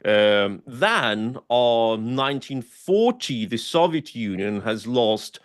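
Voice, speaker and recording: A Russian man, not a native English speaker, answers interview questions as a guest scholar and activist. His mid-range voice is animated but slow, and he sounds earnest and hesitant, filling his list of historical examples with many fillers.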